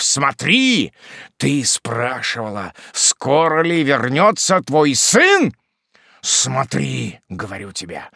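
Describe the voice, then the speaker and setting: A man's voice: low voice, gravelly, a bit bright, no echo, studio quality, exaggerated voice. A man reading an audiobook and voicing a cruel, mocking demon disguised as a dwarfish hermit, in a hollow, menacing voice. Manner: hollow, menacing, drawn-out, at times whispered.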